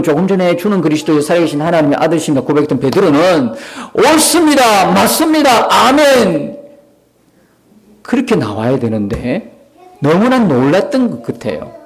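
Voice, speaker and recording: A male pastor delivers a sermon with a lively, swooping delivery, his voice set a touch high. He keeps putting rhetorical questions to the congregation.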